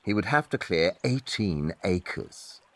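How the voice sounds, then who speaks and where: An actor playing Sherlock Holmes in an audio drama, a coolly logical, blunt detective who speaks precisely with deadpan, condescending wit. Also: male voice, low-pitched, slow pace, heavily acted. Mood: analytical.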